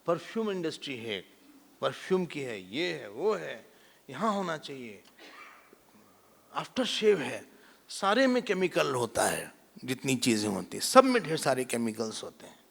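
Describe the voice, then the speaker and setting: A man, a swami, giving a lively spiritual discourse with jokes, mimicking everyday people. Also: mid-range voice, measured pace, gravelly. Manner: animated, mimics everyday people, mixes English words. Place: large hall at a retreat. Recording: long hall reverb.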